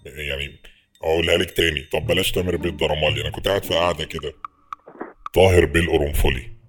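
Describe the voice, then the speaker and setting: Very fast, low-voiced shady Egyptian businessman, played by a man. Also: steady tone, fairly bright tone. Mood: evasive. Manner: insistent, repetitive, over-familiar. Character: pushy, shady businessman client angling for a favour. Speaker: prank caller. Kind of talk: prank phone call.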